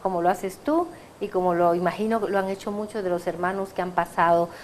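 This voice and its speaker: A woman from Guatemala with a Guatemalan accent, giving her testimony as an excited, laughing guest who trips over her words. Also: fairly low pitch, a little fast, slight background noise. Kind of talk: casual interview chat.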